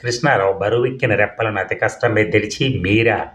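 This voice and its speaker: Brief: male audiobook narrator, measured and plain, lowish voice, echoey muffled recording. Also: steady tone. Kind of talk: reading a novel aloud. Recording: dull, echoey room.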